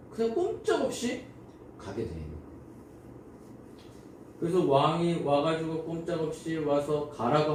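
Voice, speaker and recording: Animated male pastor in an echoey hall. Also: medium pitch, slight background noise. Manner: animated storytelling, acting out villagers' voices. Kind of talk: sermon. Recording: echoey church hall from far off.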